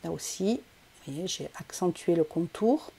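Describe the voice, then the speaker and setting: A woman's voice: lowish voice, animated, a little slow, vocal fry, dark tone, husky. A woman hosting a coloring tutorial, talking casually step by step with many fillers and self-corrections into a desk mic. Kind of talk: casual step-by-step craft demonstration.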